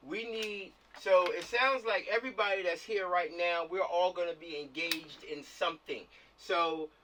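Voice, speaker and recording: An American man, a film production organizer, leads a casual online meeting, giving directions and repeating his phrases. His high voice is bright and forceful with a steady tone and moderate pace, heard over distant-sounding video call audio with slight background noise.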